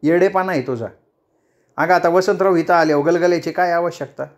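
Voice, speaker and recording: A man's voice: on the high side, moderate pace, voice pushed up, natural voice. A man doing a teasing older woman friend. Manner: teasing, scolding, familiar. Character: sharp-tongued middle-aged woman friend, teasing.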